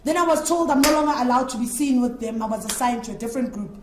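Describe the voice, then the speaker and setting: A woman's voice: on the high side, fast talker, noisy background. A woman from Africa, an interview guest telling her personal story in an earnest, rambling way. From South Africa. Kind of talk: candid personal testimony. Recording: echoey room.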